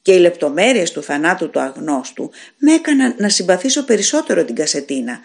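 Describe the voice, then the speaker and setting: A woman narrating an audiobook of a gothic story in a measured, expressive way. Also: on the low side, vocal fry. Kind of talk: scripted narration of a gothic tale.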